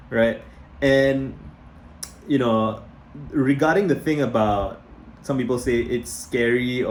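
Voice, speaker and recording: A Singaporean-accented video blogger in his thirties rambles casually to camera in a talking-head vlog, often restarting and correcting his sentences. His voice is mid-range and somewhat dark, with slight background noise in the recording.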